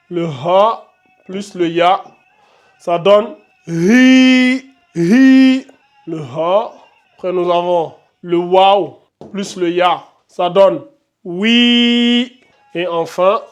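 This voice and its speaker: Teaching Arabic pronunciation for Quran reading, a man with a fairly high voice speaks slowly. He draws out each letter sound in a deliberate demonstration so learners can imitate it.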